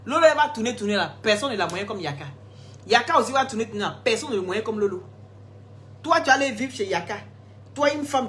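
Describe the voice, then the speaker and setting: A woman's voice: a little high, fairly bright tone. Woman, live-stream host, chatty, teasing, laughs a lot, phone mic, faint background hiss. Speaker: live-stream host selling skin products. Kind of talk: casual live-stream chat answering viewer comments.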